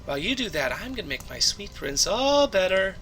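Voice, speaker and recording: A man's voice: high voice, big pitch swings, brisk, a bit bright, a little hiss or hum, voice pushed up, full character voice, poor audio. A man voicing an indignant young woman waitress who scolds and gushes over her favourite captain. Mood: doting. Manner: huffy, scolding, gushing.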